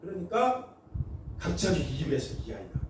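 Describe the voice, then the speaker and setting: A male pastor delivers a sermon in a high, lively voice, telling stories animatedly and acting out the people in them. He is heard from a distance in an echoey church hall, with faint noise underneath. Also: normal speed. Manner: animated storytelling, acts out voices.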